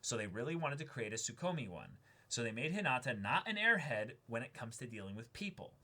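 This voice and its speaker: A young adult man co-hosts from a small indoor studio with a backdrop, discussing things casually and reading aloud. His mid-range voice swings widely in pitch, runs a little fast, and sounds pushed and bright. He speaks emphatically and swears freely.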